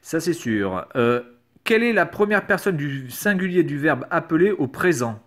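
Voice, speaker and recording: Speaking at normal speed, a man with a slightly high, somewhat bright and very animated voice reads quiz questions aloud and answers them. The casual screen-recorded YouTube commentary is sarcastic and hesitant, with swearing here and there.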